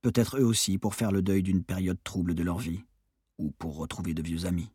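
A man narrating an audiobook in a calm, quiet first-person manner. His voice sits low and a little husky, recorded close and dry with no room sound. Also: brisk, dry recording.

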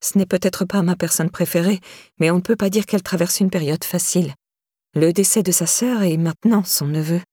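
A woman's voice: on the low side, brisk, warm tone, no echo, clean studio sound, natural voice. A woman voicing a fretful, kindly old lady. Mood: sober. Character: old woman, frail and fretful but kind. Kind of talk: audiobook character reading.

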